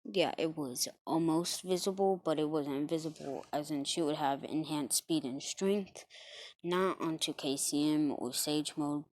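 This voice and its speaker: A woman rambling through an improvised fan story, halting and correcting herself with fillers and apologies. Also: low-pitched, a little mellow, no echo.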